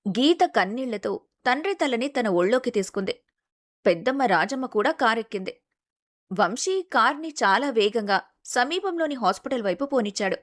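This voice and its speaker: A woman narrating a scripted family drama in a steady storytelling manner. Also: fairly high pitch, normal speed.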